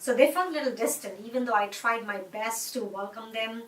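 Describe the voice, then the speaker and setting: A middle-aged Indian woman with an Indian accent and a slightly high, fairly bright voice speaks a bit quickly in a conversational interview. She sounds reflective and earnest, using many fillers and restarts, recorded in an echoey room with the mic at a distance.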